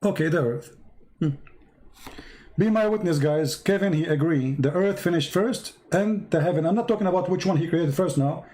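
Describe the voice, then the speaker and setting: A man who isn't an English speaker and is losing his voice hosts a live debate, reading out verses and pressing a caller with repeated questions. His voice is on the high side, warm, at a moderate pace.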